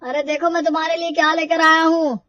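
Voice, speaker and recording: A gentle young husband in a storybook cartoon, voiced by a woman, coaxing and soothing rather than commanding. The voice stays fairly high, and the recording is dry, dull and set back from the mic. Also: level tone, fairly quick, no echo, recorded from a distance. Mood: placating. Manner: soft, coaxing and placating.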